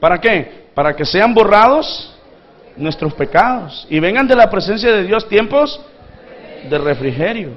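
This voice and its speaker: Man, pastor, sermon, call-and-response, high voice, lo-fi recording. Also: very animated, measured pace. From Honduras. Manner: preaching with call-and-response to the congregation; acts out pleading voices from the parable.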